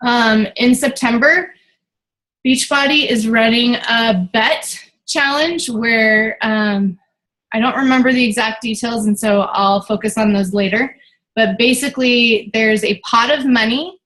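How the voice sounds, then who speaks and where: A woman's voice: a little high, a little slow, fairly bright tone, poor audio. A woman running a casual team meeting as coach, chatty and loose, with lots of fillers and restarts.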